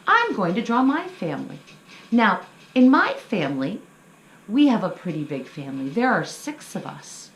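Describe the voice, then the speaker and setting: This middle-aged woman hosts a children's story time craft lesson, walking young kids through each step in simple, encouraging words. Her mid-range voice moves at a normal speed but swings hugely in pitch. The room echoes, with faint noise in the background.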